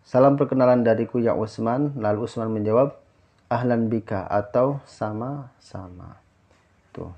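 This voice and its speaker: A male teacher walks through a lesson step by step, his pitch sitting in a middle range. He repeats points and restarts words. The recording sounds slightly dull and lo-fi. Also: dark tone. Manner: slow, repetitive explaining with restarts and "ya" fillers. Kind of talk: classroom lesson.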